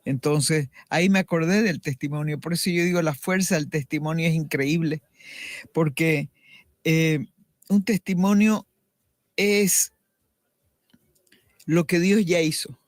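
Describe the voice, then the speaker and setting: A woman's voice: low voice, steady tone, a little slow, pauses often, dry recording. Earnest middle-aged lady telling her faith story on the radio, restarts a lot, dry studio mic. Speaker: radio interview guest. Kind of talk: personal faith testimony in a radio interview.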